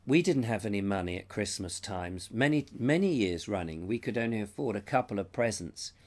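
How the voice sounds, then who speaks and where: Brisk and expressive, a middle-aged English host with a lowish voice chats and rambles on a live stream while reading viewers' comments aloud. He has a cold, and his strained voice is fading out. He's wearing a lapel mic.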